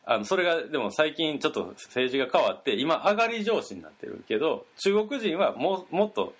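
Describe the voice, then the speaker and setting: A young man with a Kansai accent telling a story in casual chat, animated and laughing often. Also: a little high, fairly quick. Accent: Kansai Japanese. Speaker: storyteller guest.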